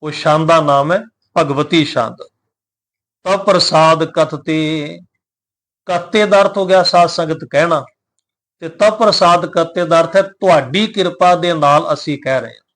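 A man teaching the correct recitation of scripture, chanting verses slowly and deliberately, then explaining them plainly and respectfully to his listeners. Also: a little high, a bit bright. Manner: addresses listeners respectfully and humbly.

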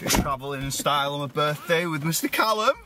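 A man's voice: on the high side, lively intonation, a little fast. A young man in his twenties, chatting upbeat and jokey to the camera in a casual vlog. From North Wales. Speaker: vlogger. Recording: noisy handheld vlog audio.

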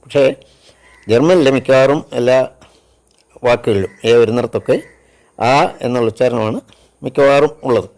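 Teaching a slow language lesson, a Malayali-accented man spells out words one letter at a time, moving back and forth between Malayalam and English. He speaks at a medium pitch and moderate pace, leaving long pauses, and his voice has a slightly mellow quality.

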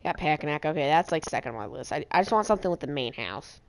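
This young woman's deep voice comes fast and animated as she streams, griping casually about her gameplay with plenty of rambling and swearing. Game music plays beneath her.

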